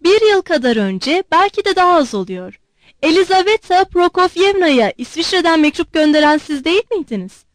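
A woman's voice: very high voice, very animated, normal speed, no room sound. A woman voicing a polite but watchful young male secretary in an audiobook, speaking courteously.

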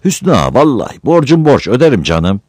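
A man's voice: mid-range voice, very animated, a little fast, a little mellow, dry recording, voice pushed up. A lazy village joker talks in a raised, loose voice, as a male narrator puts him on. He sounds cheeky and unbothered. The recording is dry. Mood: joking. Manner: joking, easygoing.

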